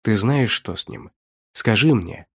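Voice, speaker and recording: A man's voice: mid-range voice, moderate pace, a little mellow, lightly acted. A man voicing a desperate male hunter who speaks tersely through clenched teeth in an audiobook. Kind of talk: audiobook reading.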